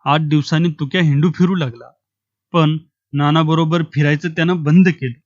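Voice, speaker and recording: A man narrates a village short story in a steady, measured reading voice that sits somewhat high. The recording is dry, with no room sound, and slightly dull in tone. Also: no echo.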